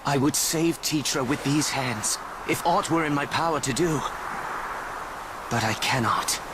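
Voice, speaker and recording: A man's voice: on the high side, noisy background, natural voice. Delita, a man playing a brooding, scheming young commoner. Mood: bitter. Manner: measured, formal old-fashioned speech. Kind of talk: game cutscene acting. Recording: loud music under voice.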